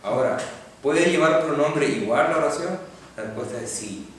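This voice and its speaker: Here a male teacher with a somewhat high, fairly bright voice speaks at a normal speed while giving a Hebrew grammar class. He explains patiently step by step and checks on his students, heard from afar in an echoey room with faint noise.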